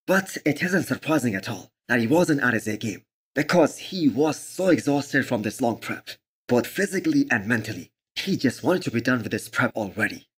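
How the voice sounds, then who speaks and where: Husky man doing emphatic sports commentary. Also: medium pitch, a bit bright. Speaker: host of a fitness channel.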